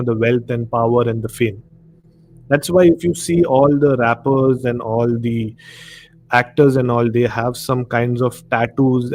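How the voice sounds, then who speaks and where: A man with an Indian accent and a mid-range, darkish voice hosts a live show, casually discussing horror and conspiracy. He keeps it conversational, often dropping "you know" as he explains. The stream's audio is noisy.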